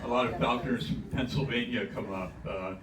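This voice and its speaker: An older man giving an anecdotal talk at a club gathering, chuckling and halting with fillers. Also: medium pitch, fairly even intonation, crowd noise. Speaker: club speaker. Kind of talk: anecdotal after-dinner talk. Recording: echoey hall, distant mic, background noise.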